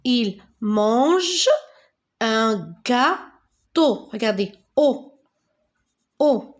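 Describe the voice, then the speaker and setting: A woman teaches a beginners' reading lesson, speaking with unusual slowness. Her voice sits a little high, and she spells out sounds letter by letter, then repeats each word patiently. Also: expressive. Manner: slow, clearly spelled-out words, repeats for learners. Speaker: French teacher. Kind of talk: slow classroom reading lesson.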